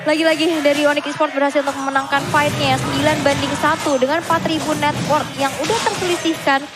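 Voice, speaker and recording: A woman commentates as an esports caster in a high voice. She is animated and chatty, running through the action in flowing sentences over clear background music. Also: fast. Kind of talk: live esports commentary with sponsor plugs. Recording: game music behind voice. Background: game music.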